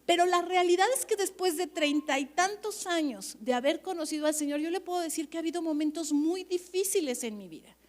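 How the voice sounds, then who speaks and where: A woman pastor, preaching at a leaders' conference in an animated, chatty way, often checking that the audience agrees. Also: very high-pitched, a little fast, few pauses.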